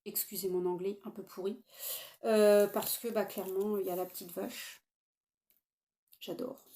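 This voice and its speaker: A middle-aged woman who runs a knitting podcast chats casually and enthusiastically to camera about knitting, with frequent fillers and restarts. Her mid-range voice is warm and level, and she speaks unhurriedly.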